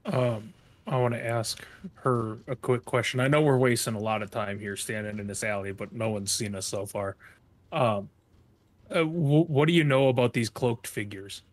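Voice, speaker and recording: A man plays a tabletop game and asks questions in a casual, easygoing way, with some swearing. His voice sits at an ordinary middle pitch. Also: moderate pace, no echo. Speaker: player.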